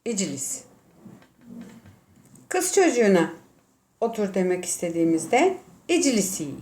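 A woman teacher with a Turkish accent, slowly explaining Arabic vowel marks and sounding out letters one by one. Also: mid-range voice, darkish tone. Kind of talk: classroom lesson.

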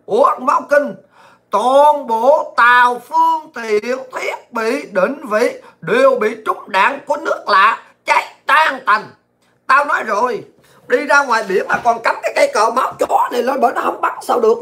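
A woman vlogger rants through angry political commentary. Her voice sits fairly high and rings sharp and forceful. She hurls abuse and often breaks into shouting. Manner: ranting, abusive, often shouting.

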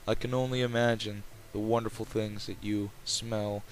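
A man's voice: fairly low pitch, flat delivery, normal speed, poor audio. A man reading game text aloud in an informal way, with casual joking asides. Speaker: let's player reading a visual novel aloud. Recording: clear background noise, game ambience.

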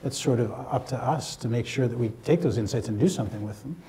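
A man's voice: mid-range voice, quick pace, warm tone, slight background noise. A man speaking as a panelist in a lecture hall, reflective and correcting himself as he goes. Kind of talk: panel discussion.

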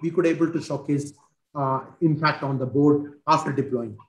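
He's in his forties, has an Indian accent, and presents a technical product demo into a headset over video call. His speech is hesitant, packed with fillers and restarts, in a somewhat high register, and the audio has a roomy quality.

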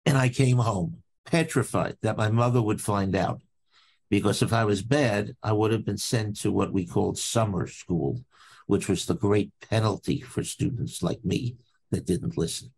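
An older man from Brooklyn, a professor telling a story from his childhood in a podcast interview, slow and deliberate with dramatic pauses. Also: fairly low pitch, vocal fry, a little mellow, a little hiss or hum. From Brooklyn, New York. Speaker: anatomy professor, guest.

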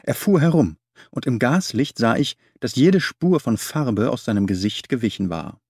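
Expressive male audiobook narrator. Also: mid-range voice, normal speed, vocal fry, breathy edge, no room sound, studio quality. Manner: expressive storytelling. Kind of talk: scripted narration.

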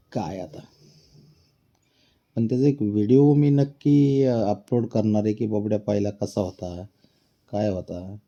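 A man's voice: fairly low pitch, mellow, dull audio. A man talking to his pet cat in a playful, teasing way, asking it questions and scolding it fondly. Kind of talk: casual talk to a pet, teasing.

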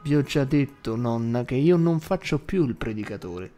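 Man doing a quiet former preacher for an audiobook, soft, slow and subdued. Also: mid-range voice, animated, soft background music, lightly acted. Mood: gentle.

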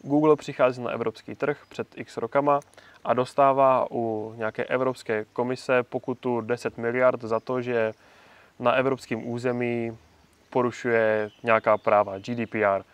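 A male interviewer with an ordinary, mid-pitched voice asks long, calm questions. The recording is dry and close, with almost no room sound. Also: no echo. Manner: calm, brief agreeing interjections.

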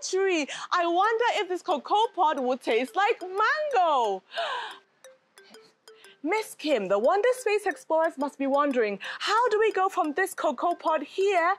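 A woman hosting a children's educational show, gasping with wide-eyed excitement as she asks questions. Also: very high voice, moderate pace, hardly any pauses. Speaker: kids' show host. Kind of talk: bubbly children's educational presenting.

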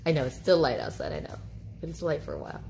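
A woman's voice: sits low, very animated, fast, gravelly, a little mellow, slight background noise. A woman filming her kids at home in a casual family video, playful and teasing, often laughing as she talks.

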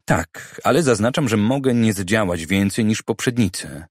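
Audiobook role: male narrator voicing a demanding businessman, deep and husky, dry close sound, terse and insistent. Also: lively intonation, moderate pace, no room sound. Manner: blunt, probing questions. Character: demanding wealthy middle-aged businessman.

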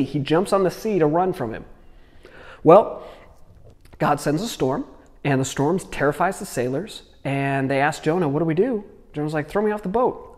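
Pastor telling a lively Bible story. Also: male voice, fairly high pitch, long reverb tail. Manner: lively storytelling with dramatic retellings. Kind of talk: short video sermon.

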